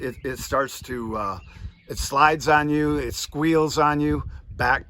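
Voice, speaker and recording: A man hosts a practical how-to lesson in a mid-pitched voice. He explains technique step by step, repeating key points with emphasis like a coach. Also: bright, forceful tone, slight background noise. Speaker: duck-calling instructor and host. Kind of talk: instructional demonstration, step-by-step explanation.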